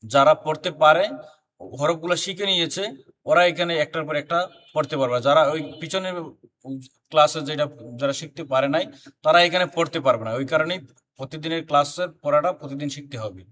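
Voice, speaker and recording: A man's voice: on the high side, fairly quick, a bit bright, distant mic. A man teaching a beginner Quran reading class, chanting letter names one by one and explaining the letter forms. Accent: Bangladeshi Bengali.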